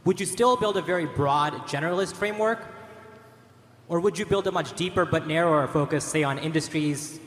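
A man's voice: fairly high pitch, a little fast, fairly bright tone. A man from Canada politely reading out a prepared question to a stage panel. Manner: polite and formal. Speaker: audience questioner. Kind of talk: prepared question read aloud. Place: large hall. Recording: roomy hall.

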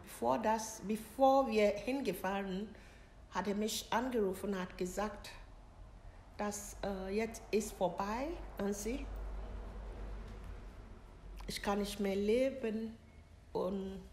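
A middle-aged woman from Ghana giving a personal account in an interview, halting and searching for words in non-native German. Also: mid-range voice, steady tone, a little mellow, slight background noise. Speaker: interviewee, mother of the host. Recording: roomy sound with background music.

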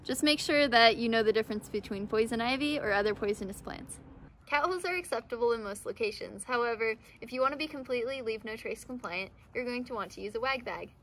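A young woman with a fairly high voice talks through an outdoor how-to lesson in an upbeat, playfully deadpan way. She's outside in a backyard, picked up by a camera mic. A faint outdoor hush sits behind her. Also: quick pace, slight background noise. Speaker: outdoor skills instructor. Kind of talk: scripted instructional video.

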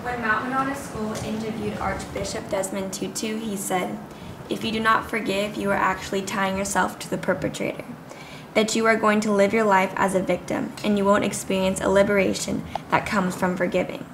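A woman's voice: mid-range voice, fairly even intonation, fairly quick, background noise. A young woman, a student, carefully reading out a prepared interview question. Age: young adult. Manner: careful, read-aloud delivery.

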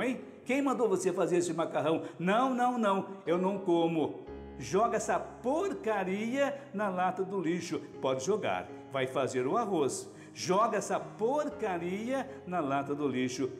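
A man's voice: on the high side, sing-song, moderate pace, few pauses. A man voicing a bossy, stingy husband in his sixties who scolds and repeats his orders. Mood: scolding. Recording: echoey hall with music underneath.

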